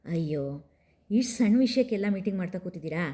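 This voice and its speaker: A woman voicing a brisk older woman who takes charge and hustles a young man off to work. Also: mid-range voice, lively intonation, warm tone, close to an everyday voice. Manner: bossy, brisk.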